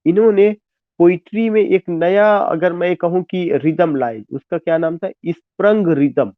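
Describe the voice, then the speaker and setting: A man with an Indian accent lectures slowly on literature for exams, spelling out terms letter by letter and going over each point again. His voice sits a little high for a man. The sound is thin and phone-like, and completely dry. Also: no echo. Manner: slow, spells words letter by letter, repeats points; mixes Hindi and English. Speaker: teacher. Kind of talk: exam-prep literature lecture.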